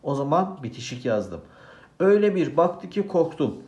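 A man's voice: a little high, sing-song, moderate pace, a little mellow, reverberant. A man teaching a grammar lesson, asking questions and answering them himself.

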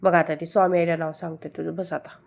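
A woman with a Marathi accent talking to her small children at home, coaxing them to sleep with playful scolding and soft repeated words. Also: low voice, level tone, fast talker, creaky. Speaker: mother filming her children. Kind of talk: casual home vlog, talking to babies.

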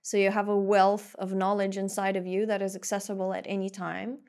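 A woman in easy conversation on a podcast, talking in a mid-range voice. She is relaxed and chatty, dropping in fillers as she explains her ideas. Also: medium pitch, a little fast. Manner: easygoing, laughs lightly, uses fillers. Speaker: podcast co-host.

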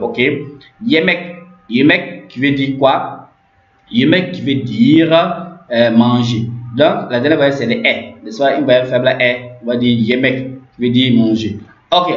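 A man teaching a language lesson who explains step by step, repeats each example and often checks in with "ok?". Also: medium pitch. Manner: repetitive, checks in with "ok?" and "n'est-ce pas?". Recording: roomy, dull lo-fi sound.

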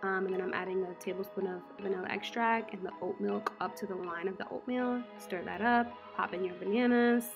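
A woman in her twenties, chatty and relaxed, walking through a meal prep in her home kitchen. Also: mid-range voice, a little fast, gravelly, hardly any pauses, lo-fi sound, over music. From United States. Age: 20s. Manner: chatty, relaxed, lots of fillers. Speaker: lifestyle vlogger. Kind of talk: casual how-to vlog.

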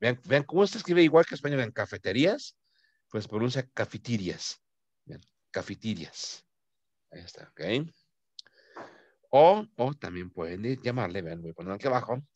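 Man teaching English, lively pitch. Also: no echo. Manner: patient, repeats words slowly, drifts quieter at phrase ends. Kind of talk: online class teaching, mixing Spanish and English.

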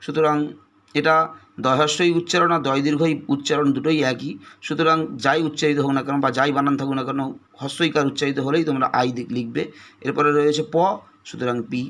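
A man's voice: fairly high pitch, flat delivery, fast talker, a bit bright. A man teaching an exam-prep lesson, patiently breaking words into single sounds, with a West Bengal Bengali accent.

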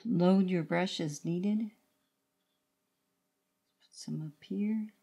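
Very slow, lowish, and husky, with a gravelly, dark tone, a middle-aged woman talks through a watercolor painting step by step. Unscripted, she offers short, sparse phrases as she works at a table in an indoor studio room.

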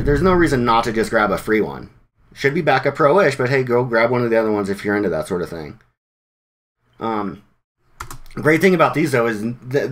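Man giving a casual meetup talk. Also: medium pitch. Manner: conversational, with many fillers and restarts; informal slang. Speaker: web developer giving a meetup presentation. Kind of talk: casual presentation.

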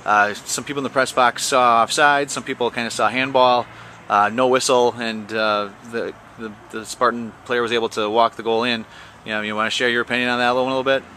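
A man interviewing a soccer coach after a game outdoors, asking halting questions with many restarts. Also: medium pitch, steady tone, sharp tone, slight background noise.

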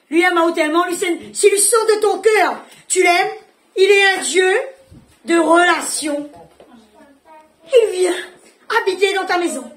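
A woman pastor preaches with fervour at a church service. Her voice sits high, and she hammers her points home by repeating short phrases. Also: a bit bright, a little hiss or hum. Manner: emphatic, repeats phrases for effect. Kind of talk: fervent sermon.

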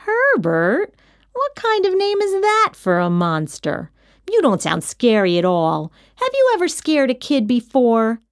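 A woman's voice: on the high side, huge pitch swings, a little slow, clean tone, no echo, clean studio sound, heavily acted. A woman voicing a picky, bold young child in a storybook, with a blunt, matter-of-fact manner. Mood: skeptical.

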